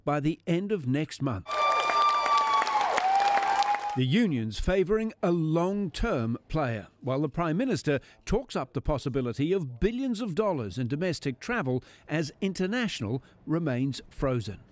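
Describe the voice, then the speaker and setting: A man voicing a television news report in a brisk manner. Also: fairly high pitch, sing-song, a little mellow, dry recording, a faint crowd.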